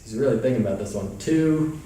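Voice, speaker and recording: A man's voice: mid-range voice, expressive, fairly quick, warm tone, a little hiss or hum. A man hosting a live workout, calling out timings and asking trivia questions in casual chat. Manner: calls out exercise timing between trivia questions. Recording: echoey room, mic at a distance.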